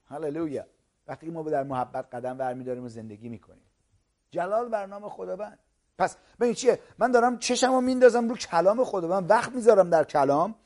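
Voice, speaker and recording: A man preaching a sermon as pastor, loud and emphatic, stretching key words slowly for stress. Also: high-pitched. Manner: loud, emphatic preaching with rising calls of hallelujah.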